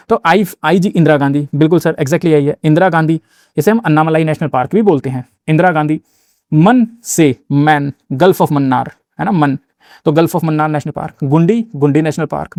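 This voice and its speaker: A man's voice: a little high, dry recording, studio quality. A man teaching an exam-prep geography lesson in a casual, chatty way, repeating key words and building memory tricks. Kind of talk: mnemonic-based geography lesson.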